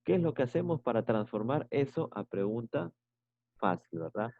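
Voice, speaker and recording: A man's voice: mid-range voice, sing-song, moderate pace, creaky, dry recording. A male teacher giving an online English grammar lesson, explaining patiently and checking in with short tag questions. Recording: tinny phone-like sound.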